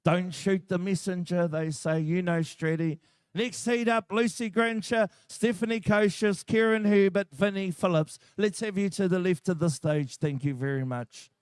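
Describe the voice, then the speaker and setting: A man's voice: high voice, moderate pace, a little mellow, smooth, no room sound, clean studio sound. A man with a New Zealand accent announcing a live competition in an informal, practical, directing way.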